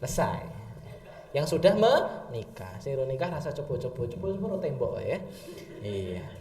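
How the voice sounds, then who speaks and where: A young man gives a joking, animated sermon to young people. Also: medium pitch, moderate pace. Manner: joking, animated, slips into voices. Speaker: youth preacher. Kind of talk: humorous motivational sermon. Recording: echoey hall, distant mic.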